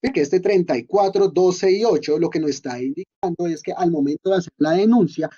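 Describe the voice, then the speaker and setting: A man walks students through a coding lesson in a husky, fairly high voice. He explains patiently and keeps asking if they are following. The recording sounds dull and lo-fi. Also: a little fast, mellow. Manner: explanatory, often checks in with "¿listo?". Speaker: instructor.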